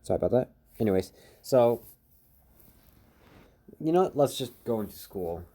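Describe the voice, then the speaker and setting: A man's voice: medium pitch, lively intonation, normal speed, dark tone. A man improvising a fan story, rambling with many fillers and restarts.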